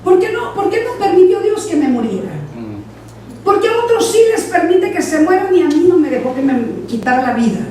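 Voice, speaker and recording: A high-pitched woman pastor preaches a lively sermon. She acts out the voices in her anecdotes. She is picked up from a distance, with heavy church reverb around her. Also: fairly quick, slight background noise. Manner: animated preaching, acting out voices in quotes. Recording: echoey church from far off.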